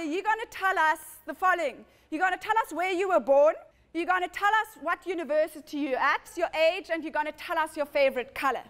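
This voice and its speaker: High-voiced woman giving a lecture. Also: fairly bright tone. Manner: explanatory, often restarts and corrects herself. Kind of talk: conference lecture. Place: lecture room with audience.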